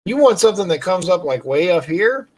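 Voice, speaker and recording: A man's voice: high voice, big pitch swings, fairly quick, recorded from a distance. A man hosting a casual livestream chat, easygoing and reading items aloud as he browses. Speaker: host.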